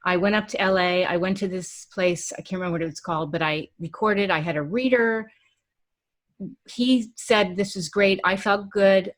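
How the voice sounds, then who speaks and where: A woman's voice: fairly low pitch, a bit bright. Conversational woman podcast host. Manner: conversational, hesitant with ums. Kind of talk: casual interview chat.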